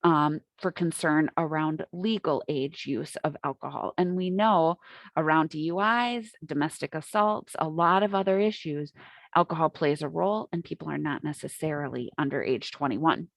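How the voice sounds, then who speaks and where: An American woman giving an informal, halting webinar presentation, speaking through a face mask. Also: deep voice, gravelly, no room sound. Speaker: webinar presenter, hospital injury prevention coordinator. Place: on site at a hospital. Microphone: microphone, worn with a face mask.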